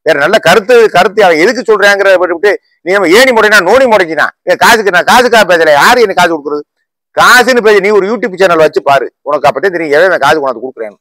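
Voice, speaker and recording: A man, a political YouTuber, giving a heated rant to camera in a combative voice full of rapid rhetorical questions. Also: high voice, expressive, pushed and bright, dry recording, rough recording. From Tamil Nadu.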